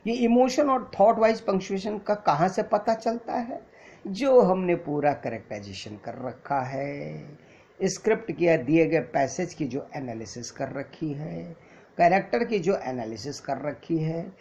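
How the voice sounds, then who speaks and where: A man's voice: a little high, lively intonation, a little slow, a little mellow. A man teaching an acting class, explaining patiently and mixing English terms into his Hindi. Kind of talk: lecture. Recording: dull lo-fi recording.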